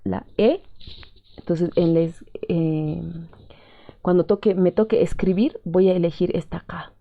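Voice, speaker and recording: A woman with a Peruvian Spanish accent teaches a language class, walking through the lesson step by step in a lowish, fairly even, slightly slow voice. She explains patiently, repeats her points and keeps checking in with her students. The recording is dry, dull and lo-fi.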